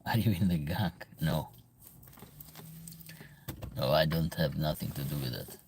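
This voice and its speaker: A man's voice: very deep voice, a little slow, darkish tone, a little hiss or hum. A man from Albania with an Albanian accent, chatting casually on a livestream as he reads viewer comments aloud and answers them. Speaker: livestream host, veterinarian.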